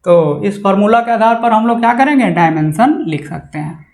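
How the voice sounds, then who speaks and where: A man's voice: high voice, expressive, moderate pace, darkish tone. A male physics teacher lectures at a board. He keeps firing rhetorical questions at his students and answers them himself. His voice rings in an echoey classroom. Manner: drilling with constant rhetorical questions.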